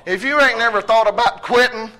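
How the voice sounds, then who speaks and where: A man's voice: extremely high pitch, a little fast, pushed and bright. A man preaching an impassioned revival sermon in a folksy Southern US drawl, exhorting his listeners with repeated phrases.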